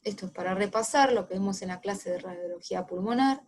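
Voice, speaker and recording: Woman, medical lecturer, clear explanatory delivery that speaks straight to the students. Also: mid-range voice, fast talker, darkish tone. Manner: explanatory, addresses students directly with reminders. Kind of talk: clinical case lecture.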